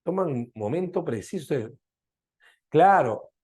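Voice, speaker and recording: A man's voice: a little high, expressive, takes it slowly, a little mellow. Joking Peruvian man teaching a class. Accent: Peruvian Spanish. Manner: teasing, jokey, often asks students to confirm. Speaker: language teacher. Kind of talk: live class lecture.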